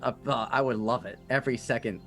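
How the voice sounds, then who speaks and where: A man's voice: medium pitch, steady tone, fast talker, a bit bright, soft background music. A young man chatting casually on a stream, laughing easily and explaining things with hesitant fillers. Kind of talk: casual chat on a live stream.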